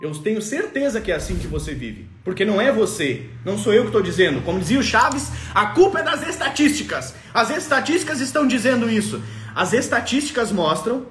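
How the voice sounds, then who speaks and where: A woman's voice: a little high, sing-song, brisk, echoey room, soft background music. A woman giving an explanatory motivational talk, emphatic and repeating key phrases. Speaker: motivational speaker.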